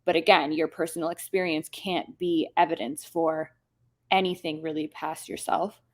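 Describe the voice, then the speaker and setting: A woman's voice: low voice, fairly even intonation, normal speed. A woman hosting her own podcast, explaining ideas in a casual, chatty way, often restarting and correcting herself as she goes. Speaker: podcast host.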